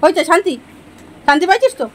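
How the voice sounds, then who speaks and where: A woman's voice: extremely high pitch, lively intonation, racing, slight background noise, low-quality recording. A woman at home, coaxing and scolding her pets in baby talk. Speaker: pet owner vlogger.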